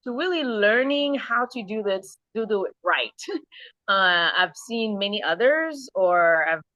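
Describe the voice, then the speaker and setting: A middle-aged woman from Haiti, answering interview questions earnestly and thoughtfully, often pausing to rephrase. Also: mid-range voice, bright, forceful tone, no room sound, dull audio. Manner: earnest, thoughtful, with light laughs and restarts. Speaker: nonprofit founder and program director.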